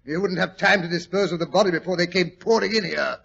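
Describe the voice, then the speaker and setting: An actor playing Doctor Watson as a genial, excitable English gentleman in 1940s radio style, blustering and muttering to himself with a British accent. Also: high-pitched, quick pace, creaky, slightly rough, full character voice. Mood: indignant, alarmed. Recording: muffled, noisy old radio recording.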